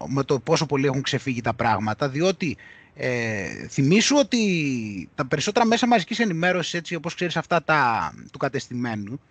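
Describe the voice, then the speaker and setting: A man hosting a podcast, talking in an animated, indignant way and reading news aloud mockingly. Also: medium pitch, no room sound. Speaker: podcast host. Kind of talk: heated podcast discussion.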